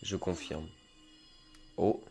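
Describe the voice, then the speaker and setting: A man's voice: very slow, warm tone, faint music behind. A man with a head cold casually chatting to viewers while streaming a game. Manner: chatty, rambling, talks to viewers. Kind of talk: casual let's-play commentary. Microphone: desk microphone.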